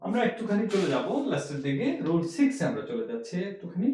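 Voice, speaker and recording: A man's voice: on the high side, big pitch swings, fast talker, a little mellow, reverberant, slight background noise. A man teaching chemistry who explains each step, repeats key points and asks the class rhetorical questions. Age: older. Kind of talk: classroom lecture.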